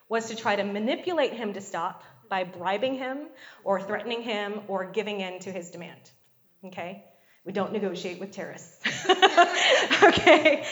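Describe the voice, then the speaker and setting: A woman's voice: a little high, a bit bright. A middle-aged woman giving a conversational sermon, often checking in with the congregation. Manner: conversational, frequent call-and-response "Amen?" and "okay?". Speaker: preacher.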